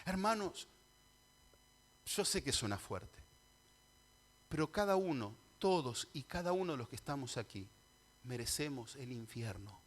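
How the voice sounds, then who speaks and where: A man with an Argentine Spanish accent preaching an expository sermon, swinging from loud cries to hushed, earnest tones. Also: medium pitch, very animated, unhurried, long pauses. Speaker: pastor. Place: church hall.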